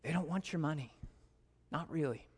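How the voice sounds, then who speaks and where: A man with an American accent preaching a sermon as a pastor, telling stories with big animated swings in pitch. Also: moderate pace, breathy edge. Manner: animated storytelling, pitch leaping high in anecdotes. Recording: long reverb of a large hall.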